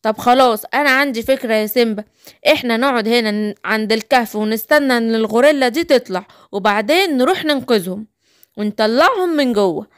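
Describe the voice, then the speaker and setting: A woman's voice: a little high, fast, no room sound, clean studio sound, lightly acted. A woman with an Egyptian accent voicing a brave male superhero who speaks urgently and decisively.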